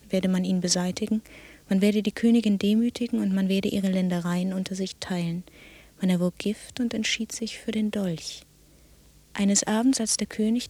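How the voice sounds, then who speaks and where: A hushed, creaky-voiced storyteller. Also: female voice, mid-range voice, dry recording. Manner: hushed, often sliding into whisper. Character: storyteller woman reciting a grim fairy tale. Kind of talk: scripted narration.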